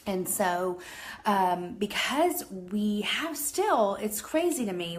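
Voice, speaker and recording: A woman in her thirties speaking earnestly and openly to camera in a casual video diary, with many fillers. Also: on the low side. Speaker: vlogger.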